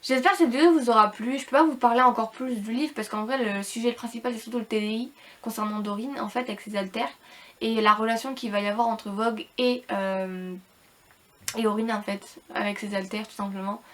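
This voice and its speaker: Speaking briskly in a fairly high voice with even intonation, a sick woman rambles through a casual book review for her viewers. Her illness makes her sound slightly robotic and unclear, and her delivery is hesitant, repetitive, and full of slang.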